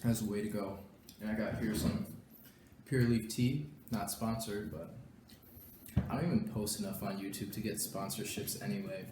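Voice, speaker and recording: Young adult man, lowish voice, relaxed mukbang chatter through mouthfuls, roomy echo, faint hiss behind. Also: normal speed. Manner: talks while chewing, mouth full. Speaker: vlogger. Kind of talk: casual mukbang chat.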